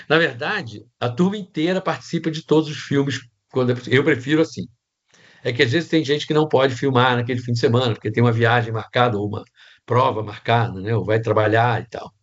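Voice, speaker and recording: A man's voice: mid-range voice, a little fast, highs cut off. A man with a Brazilian Portuguese accent teaching set design in a casual online class, rambling with restarts and many tag questions.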